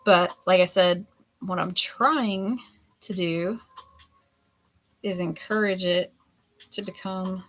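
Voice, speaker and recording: A hoarse woman in her forties, a potter chatting candidly while she throws clay at the wheel. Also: lowish voice, slow pace, long pauses, fairly bright tone. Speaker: potter streaming a throwing session. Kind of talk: casual chat while working. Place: pottery studio with lo-fi music on.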